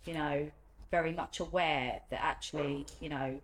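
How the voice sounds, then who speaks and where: A woman, a nurse, giving informal interview answers in a hesitant, reflective way with frequent pauses. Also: sits low, steady tone, rough recording. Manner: hesitant, reflective, many pauses and "you know". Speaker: hospice nurse. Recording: light ambient background noise.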